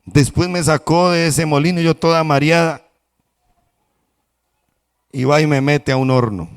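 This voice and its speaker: A man's voice: fairly high pitch, a little slow, clean tone, voice pushed up. A man preaching a sermon who voices a female clay cup that begs its maker to stop hurting it. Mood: complaining. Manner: pleading, complaining, breathless begging. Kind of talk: sermon storytelling. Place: church.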